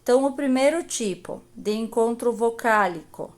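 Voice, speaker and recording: A woman's voice: a little high, normal speed, darkish tone. A woman teacher with a Brazilian accent giving a recorded grammar lesson to young pupils, patiently stretching out the example words. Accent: Brazilian Portuguese. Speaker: primary school teacher.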